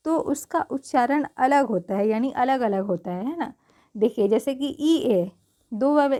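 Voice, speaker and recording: A woman's voice: on the high side, darkish tone. A woman teaching English pronunciation rules in a patient way, spelling words out letter by letter and often checking that the listener has understood. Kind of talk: spelling-rule lesson.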